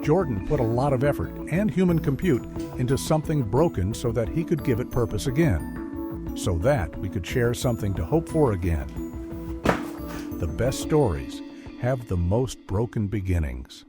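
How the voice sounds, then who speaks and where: A gloomy, melodramatic talking speaker, voiced by a man narrates in an ordinary mid-range voice. Loud music plays behind the storytelling throughout. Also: mid-range voice, animated, moderate pace, natural voice. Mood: reflective. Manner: brooding, melodramatic phrasing. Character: a broken talking speaker device, gloomy and hopeful.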